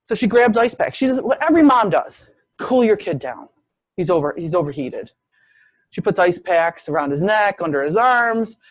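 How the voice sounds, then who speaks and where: A man's voice: sits high, animated, moderate pace, dry recording. A man lecturing as a visiting professor, telling a medical case as a story and acting out what people said. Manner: storytelling, acts out quoted speech.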